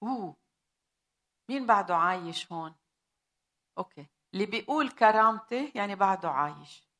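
A woman with a Lebanese accent preaching a sermon, asking the congregation questions, dropping in English words and slowing down for scripture. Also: mid-range voice, lively intonation, fairly bright tone. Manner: mixes Arabic with English words, asks the audience questions.

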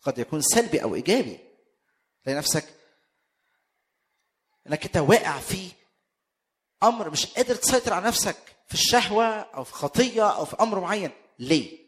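A man preaching a sermon with an Egyptian accent, emphatic and full of rhetorical questions, his voice swelling into loud bursts. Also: sits high, very animated, fast talker, pauses often. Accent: Egyptian Arabic.

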